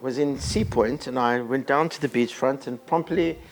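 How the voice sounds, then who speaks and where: A man's voice: mid-range voice, moderate pace, slight background noise. A man, a podcast guest telling long, rambling stories with many ums and restarts. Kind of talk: casual storytelling chat.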